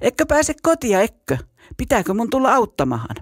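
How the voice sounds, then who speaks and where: A storyteller voicing a bullying schoolboy who mocks, then shouts in panic. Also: mid-range voice, big pitch swings, no room sound, studio quality, voice pushed up, natural voice. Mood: taunting. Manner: taunting, raised voice.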